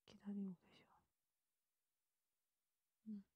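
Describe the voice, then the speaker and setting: A woman voicing a calm, reassuring Grim Reaper who guides a soul, in a breathy ASMR role-play. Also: medium pitch, takes it slowly, no echo, lo-fi sound. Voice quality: breathy, unvoiced. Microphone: close mic, dry.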